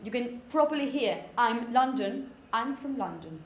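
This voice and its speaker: A woman phonetics teacher with a fairly high, animated voice speaks at normal speed, explaining and stressing example words to her students while checking in often. Her classroom is indoors, and the audio is echoey with noise behind it.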